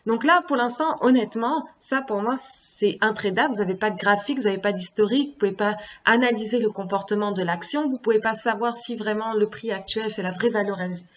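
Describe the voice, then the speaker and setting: A woman explaining stock charts in a relaxed, conversational lesson. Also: mid-range voice, a little fast, hardly any pauses. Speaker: trading teacher. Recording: dull lo-fi recording.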